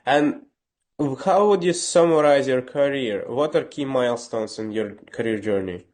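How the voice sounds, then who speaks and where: A man's voice: mid-range voice, moderate pace, darkish tone. A man interviewing a guest, asking hesitant questions and adding brief acknowledgements.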